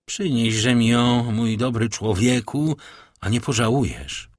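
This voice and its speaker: A man voicing a grave, noble, wealthy count, once a prisoner, speaking in a solemn, measured way with a husky voice. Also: mid-range voice, no echo, clean studio sound. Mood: urgent.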